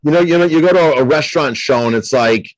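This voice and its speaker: A man's voice: a little high, fast, dry recording, rough recording. A man interviewing a business owner in casual conversation, enthusiastic and repeating words as he starts his questions.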